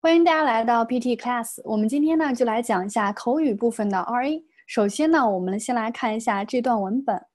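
A woman teaching an English pronunciation lesson, reading phrases slowly as models and then explaining them. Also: fairly high pitch, darkish tone.

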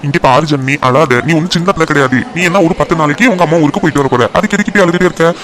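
A caring cartoon father played by a man talks very fast in a slightly high voice. He fusses and reassures, piling on instructions and comfort. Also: a crowd in the background, lightly acted. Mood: soothing. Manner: fussing, reassuring. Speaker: voice actor. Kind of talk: cartoon voice acting.

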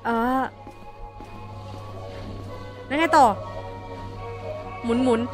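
A woman's voice: drawn-out words, over music. A young woman streaming a horror game, chatting along and swearing when startled. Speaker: VTuber streamer. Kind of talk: horror game let's play.

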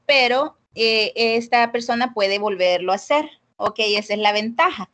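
A woman's voice: on the high side, moderate pace, a bit bright. A woman teaching an online English class over a video call, chatty and full of fillers, checking in with her students. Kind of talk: casual online class explaining grading. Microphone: computer mic on a video call.

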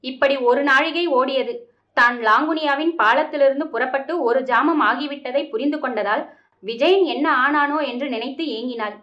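Woman reading a historical novel out loud, high voice, sound a bit dull and muffled. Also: normal speed. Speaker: narrator reading a novel aloud. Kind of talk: scripted narration of a historical novel.

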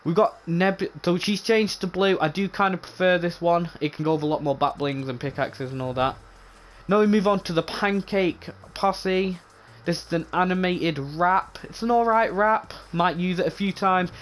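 Guy with a slightly high voice rambling casually over a game review, repeats himself a lot, voice a bit hoarse. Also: normal speed, a little hiss or hum. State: voice going hoarse. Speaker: gaming channel host.

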